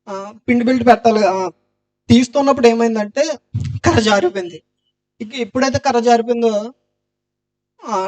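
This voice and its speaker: High-voiced man giving an earnest testimony. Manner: earnest storytelling, loud cries of Jesus' name. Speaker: testimony speaker.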